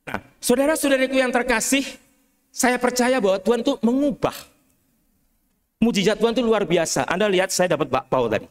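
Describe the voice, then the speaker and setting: High-voiced priest telling stories in a sermon. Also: male voice. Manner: lively storytelling with humorous asides, often calling out to the congregation. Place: cathedral church.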